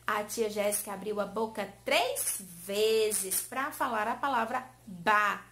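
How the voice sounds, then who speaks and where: A woman teacher giving a lesson to small children, in a sing-song way, stretching key words slowly and coaxing answers with questions. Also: mid-range voice, animated, fairly bright tone, a little hiss or hum. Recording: roomy echo.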